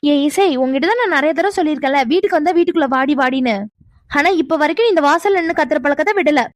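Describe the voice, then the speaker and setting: A woman voicing a bossy young woman in a cartoon who scolds and nags, sharp-tongued. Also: sits high, fast, no room sound, studio quality, lightly acted. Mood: scolding. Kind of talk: cartoon voice acting.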